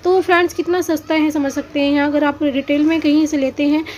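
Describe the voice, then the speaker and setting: Speaking quickly in a high, level, darkish voice, a woman vlogs a walking tour of a street market outdoors. She chats to viewers about prices and hesitates a lot, with her handheld phone's camera aimed at the goods.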